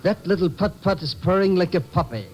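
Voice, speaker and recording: Comical eager radio sidekick, really high animated voice, noisy old recording. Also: male voice, fairly quick, lo-fi sound. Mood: chirpy, jokey. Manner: jittery, colorful, eager. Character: excitable, comical, folksy sidekick boatman. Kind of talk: 1940s-50s radio comic character acting.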